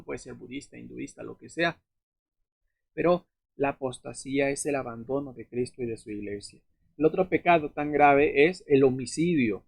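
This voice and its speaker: A man with a husky, slightly worn voice teaches scripture in a relaxed, explanatory way, pausing on fillers and checking in with tag questions. His voice sounds close and dry, with no room echo. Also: mid-range voice. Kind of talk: unscripted Bible lesson.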